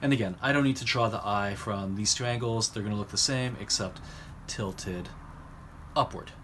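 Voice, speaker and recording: A man's voice: lowish voice, fairly bright tone, a little hiss or hum. Man teaching drawing step by step. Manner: explanatory, talks while drawing, pauses mid-phrase. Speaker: drawing instructor. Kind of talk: recorded art lesson.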